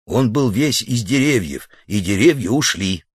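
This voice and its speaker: A man's voice: lowish voice, animated, normal speed, husky, no echo, clean studio sound. A man voicing a practical, insistent hero in a children's audiobook, in a plain voice. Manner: insistent, matter-of-fact.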